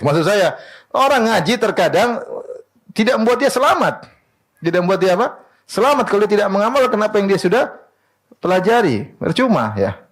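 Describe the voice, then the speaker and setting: A man preaching in an animated way. His voice sits somewhat high for a man. He poses questions to his listeners and answers them himself. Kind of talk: sermon.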